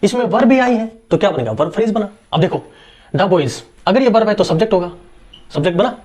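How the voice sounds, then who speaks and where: This young English teacher talks fast in a high, expressive, slightly mellow voice. He walks through a grammar lesson step by step, answering his own rhetorical questions, with reassuring fillers and frequent checks.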